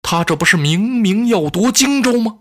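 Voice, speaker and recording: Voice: mid-range voice, expressive, moderate pace, voice pushed up, close to an everyday voice. A storyteller voicing a sly, blustering male general who fawns over his lord while plotting. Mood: fawning. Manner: fawning toward his lord, crafty. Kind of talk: traditional storytelling.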